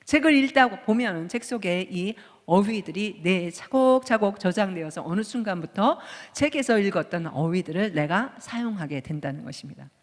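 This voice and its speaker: Korean woman pastor, fifties, mid-pitched, chatty sermon with questions to the pews, hall reverb. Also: lively intonation, normal speed, few pauses. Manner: conversational preaching with rhetorical questions to the congregation. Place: church sanctuary. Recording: long church hall reverb.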